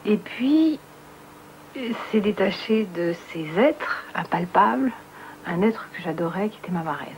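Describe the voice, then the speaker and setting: A woman giving a personal testimony, halting and searching for words, often repeating herself. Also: medium pitch, lively intonation, a little hiss or hum. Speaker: near-death experience witness.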